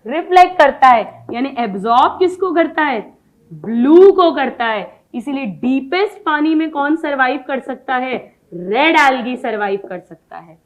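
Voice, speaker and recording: A woman with a high, bright voice gives a biology lesson. She keeps asking the class questions and answers them herself right away. When she dictates notes she slows down and spells them out word by word. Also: animated. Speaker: biology teacher.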